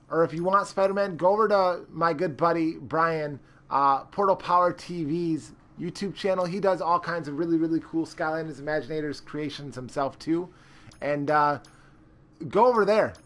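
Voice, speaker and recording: A man's voice: a little high, a bit bright. A man streaming a character-creation game, rambling with lots of fillers and greeting chat viewers. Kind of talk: casual live-stream commentary.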